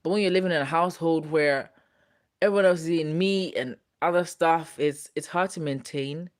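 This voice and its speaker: This woman speaks briskly in a low-pitched voice as she hosts a casual livestream. In her twenties and from Ghana, she reads viewers' comments aloud in a teasing, playful way, often breaking into laughter.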